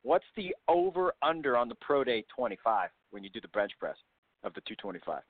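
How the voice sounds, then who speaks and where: Fast-talking upbeat male sports host. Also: mid-range voice, sing-song, no room sound. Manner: fast, upbeat, many fillers. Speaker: podcast host. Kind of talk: sports interview. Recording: tinny phone-line audio.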